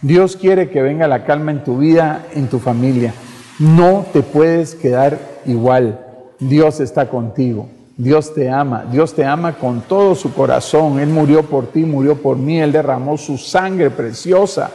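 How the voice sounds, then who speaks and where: Reverb from a church hall surrounds this Guatemalan pastor as he gives a fervent sermon full of repeated phrases, calling the congregation brother. He speaks at a measured pace in a mellow, fairly high-pitched voice.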